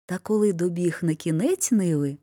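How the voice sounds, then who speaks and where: A woman narrating a fairy tale aloud in an expressive storybook reading. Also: on the low side, normal speed.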